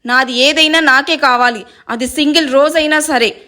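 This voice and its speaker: A woman voicing a mischievous, hot-tempered young woman who scolds loudly in a storybook reading. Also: high-pitched, steady tone, normal speed. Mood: angry. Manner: loud and scolding.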